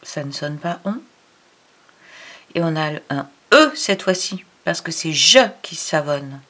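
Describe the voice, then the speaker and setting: A woman's voice: deep voice, animated, unhurried, sharp tone. A woman giving a reading lesson to a child, sounding out syllables and explaining patiently. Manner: addresses the child directly. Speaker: reading teacher.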